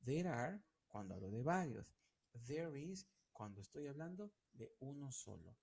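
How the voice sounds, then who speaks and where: A man's voice: mid-range voice, very animated, unhurried, vocal fry, darkish tone, slightly rough. A man co-teaching an English class, explaining grammar in Spanish with English example sentences.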